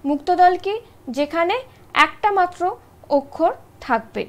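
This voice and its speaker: High-voiced woman teaching grammar. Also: expressive, unhurried, fairly bright tone. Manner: explanatory, checks in often with tag questions. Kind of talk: exam-prep grammar lesson.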